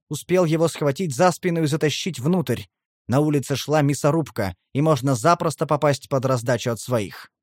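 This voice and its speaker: A man narrates an audiobook in the first person with tense, driven delivery. His voice sits slightly high for a man. The recording is dry and close, with no room sound. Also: dry recording.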